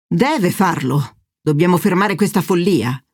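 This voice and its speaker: A woman voicing a stern, stubborn older father who speaks bluntly and gruffly. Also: lowish voice, expressive, a little slow, a little mellow, dry recording, studio quality.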